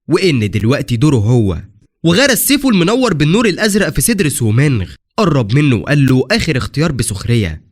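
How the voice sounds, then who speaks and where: A man with an Egyptian accent narrating a scripted story recap in a dramatic, rapid retelling. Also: medium pitch. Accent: Egyptian Arabic.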